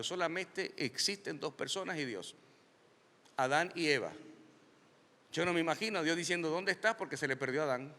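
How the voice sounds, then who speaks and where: A man preaching with a high, lively voice that swings widely in pitch. His tone is bright and forceful. He stretches out key phrases, and his voice carries a long hall reverb. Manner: emphatic preaching, slows and rises on key lines. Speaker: pastor. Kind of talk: sermon.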